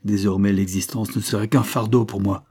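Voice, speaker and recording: Guy doing a wronged noble husband, vehement and raw, mellow husky tone. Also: fairly low pitch, steady tone, normal speed. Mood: despairing. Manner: vehement, impassioned pleading. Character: anguished jealous prince, a wronged noble husband.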